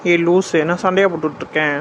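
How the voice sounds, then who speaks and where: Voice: medium pitch, fairly even intonation, fast, noisy background, close to an everyday voice. A voice actor playing an affectionate young man who fondly teases and scolds his sweetheart in a cartoon story. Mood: teasing. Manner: teasing, calls her silly fondly. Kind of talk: cartoon voice acting.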